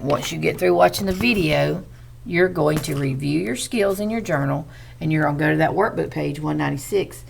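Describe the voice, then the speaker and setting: A woman's voice: lowish voice, vocal fry, a little mellow. A woman teacher, patiently explaining a reading lesson step by step to children.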